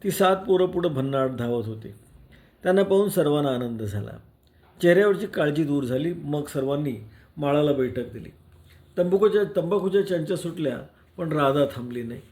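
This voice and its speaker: Male reader, slightly higher voice, measured storytelling narration of a serialized novel. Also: lively intonation, darkish tone. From Karad, Maharashtra. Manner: measured storytelling with acted dialogue.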